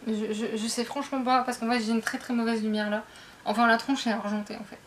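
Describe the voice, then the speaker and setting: A woman's voice: fairly high pitch, little pitch movement, quick pace, a little hiss or hum. A young woman casually showing off a book haul to her camera at home, rambling and often correcting herself. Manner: rambling, self-interrupting, chatty. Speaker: book vlogger. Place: indoors at home, dim light. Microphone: camera facing her.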